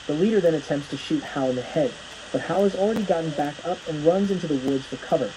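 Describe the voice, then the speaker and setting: A man's voice: a little high, fast talker, noisy background. Man narrating a scripted story recap.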